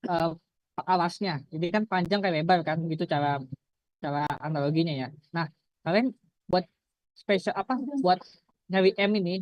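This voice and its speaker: A man's voice: high voice, no echo, low-quality recording. A young man with an Indonesian accent and a speech impediment on his R, tutoring informally, repeating himself and checking with rhetorical questions. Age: young adult. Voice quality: slurred R, a speech impediment on the R sound. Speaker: student tutor. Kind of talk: informal maths-heavy tutoring explanation.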